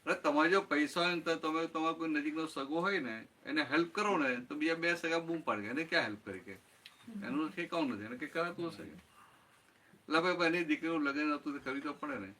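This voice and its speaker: A man speaking as a spiritual teacher answers a question in a satsang talk, using everyday examples and often checking that his listeners are following. His voice is on the high side and bright, with a forceful tone, and he talks a little fast. There's a slight hiss or hum in the recording.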